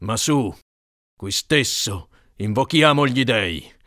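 A man's voice: medium pitch, animated, takes it slowly, bright, forceful tone, dry recording, studio quality. A man voicing a proud, brave Trojan warrior prince who knows he is doomed, reading an epic in a grave, solemn way.

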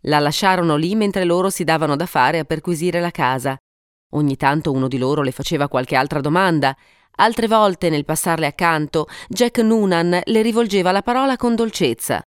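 A woman narrating a story for an audiobook, reading expressively with dramatic pauses. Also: on the low side, clear, resonant tone, no room sound, studio quality. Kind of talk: scripted narration.

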